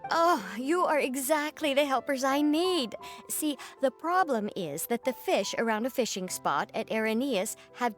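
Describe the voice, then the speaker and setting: A fussy, self-important guild representative for a video game, high-pitched and sing-song. She dithers and dwells on her own importance, with faint game music behind her. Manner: dithering, repeats her title.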